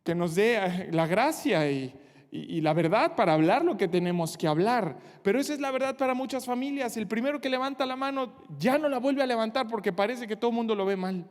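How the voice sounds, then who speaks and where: A man's voice: high voice, fairly quick. A man preaching a sermon, speaking directly to his congregation with earnest conviction. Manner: earnest preaching, addressing the congregation directly, acting out short quotes. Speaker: pastor. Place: church hall. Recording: long hall reverb.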